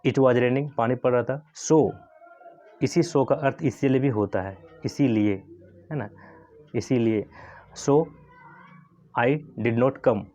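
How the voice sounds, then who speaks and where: A man explaining an English lesson step by step, repeating phrases and checking in with the listener. His voice is mid-pitched. The recording sounds dull and lo-fi. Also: warm tone. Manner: slow, repetitive explaining with frequent tag questions. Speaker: English teacher. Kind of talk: Hindi-language English lesson.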